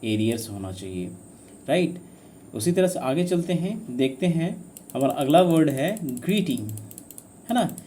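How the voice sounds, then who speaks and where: Hindi-speaking man teaching in a lively voice. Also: on the high side, unhurried, pauses often, a little hiss or hum. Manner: asks students questions then answers them; repeats key words for emphasis. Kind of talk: exam-prep grammar lesson.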